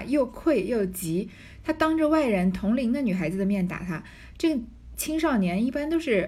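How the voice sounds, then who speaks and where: Relaxed woman explaining a classic novel. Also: a little high. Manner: relaxed, conversational explaining with fillers. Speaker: narrator and commentator. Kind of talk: storytelling commentary on a classic novel.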